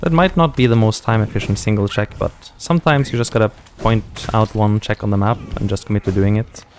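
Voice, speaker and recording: Low-voiced Scandinavian man chatting over gameplay. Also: brisk, darkish tone, a little hiss or hum. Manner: thinking aloud, chatty, answers chat comments. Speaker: gaming streamer. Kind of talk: casual gameplay commentary.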